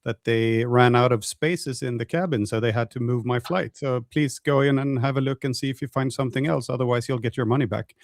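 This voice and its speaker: A man's voice: mid-range voice, fairly even intonation, brisk, hardly any pauses, dry recording. Dry-sounding casual male co-host. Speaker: podcast co-host. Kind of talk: casual chat.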